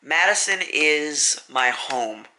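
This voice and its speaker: Bright-voiced vlogger rambling. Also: male voice, a little high, expressive, takes it slowly, slight background noise. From US Midwest. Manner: rambling, self-correcting, many fillers. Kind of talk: casual storytime vlog.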